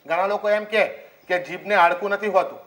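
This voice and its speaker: A man's voice: high voice, steady tone, fairly quick, fairly bright tone. A man preaching a sermon, telling a comic story and acting out its characters with laughing asides.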